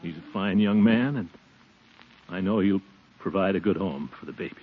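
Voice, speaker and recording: An American actor playing a big-hearted, sentimental middle-aged uncle in an earnest, theatrical 1940s radio style. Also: male voice, sits low, moderate pace, natural voice. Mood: earnest, moved. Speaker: lead actor in a radio comedy. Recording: muffled, noisy 1940s radio recording.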